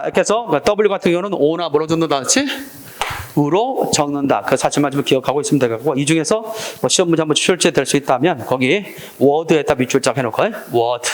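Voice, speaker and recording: A man teaching an exam-prep Korean language lecture, drilling students with call-and-response prompts. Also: fairly high pitch. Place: lecture classroom.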